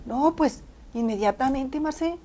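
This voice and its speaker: A woman's voice: high voice, expressive, slow pace, dark tone. A woman telling her story in casual conversation, acting out dialogue and laughing often.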